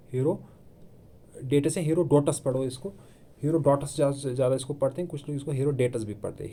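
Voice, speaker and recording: Mellow-voiced man teaching a coaching class. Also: on the high side. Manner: asks and answers his own questions, repeats key terms; Hindi with English terms mixed in. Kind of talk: classroom lecture. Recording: online video lecture.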